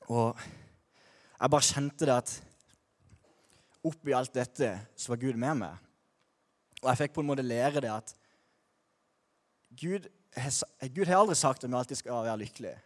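Young man, mid-pitched, candid faith testimony, slangy and halting, long reverb. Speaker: speaker sharing a personal faith testimony. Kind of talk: personal testimony talk.

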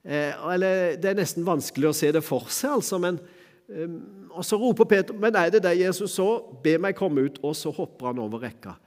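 Middle-aged male preacher, slightly high voice, relaxed conversational sermon, reverberant church. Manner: conversational preaching with chuckles and fillers.

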